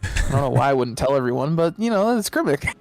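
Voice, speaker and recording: Lively, bouncy-voiced joking man. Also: mid-range voice, quick pace, soft background music. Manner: jokey, lively, stumbling over words. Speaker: player. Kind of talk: casual play over voice chat.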